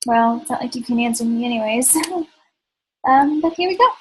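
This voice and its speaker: A woman's voice: fairly high pitch, normal speed, slight background noise, low-quality recording. A woman hosting a let's play, chatting as she plays, thinking aloud, and tossing in sarcastic asides. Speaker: gaming channel host.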